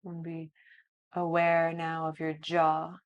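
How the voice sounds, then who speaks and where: A woman yoga teacher leading a guided yoga nidra relaxation like a sleep story narrator, soothing and hushed, with long pauses. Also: sits low, monotone, lo-fi sound.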